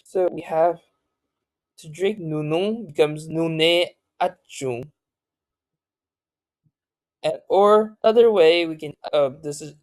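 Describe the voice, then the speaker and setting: Tired, halting language tutor. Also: mid-range voice, mellow, dry recording. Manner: halting, many fillers and self-corrections. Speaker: language teacher. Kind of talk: casual spoken lesson.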